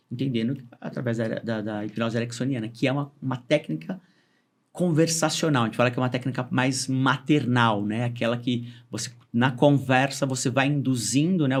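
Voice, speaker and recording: A man of ordinary pitch talks as a guest on a podcast, explaining hypnosis and therapy in loose, conversational terms. He circles back and rephrases often, with plenty of filler words along the way. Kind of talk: casual podcast chat.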